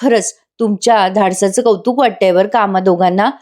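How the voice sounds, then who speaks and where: A woman's voice: medium pitch, fairly even intonation, a little fast, a little mellow, lightly acted. A woman doing a concerned young wife.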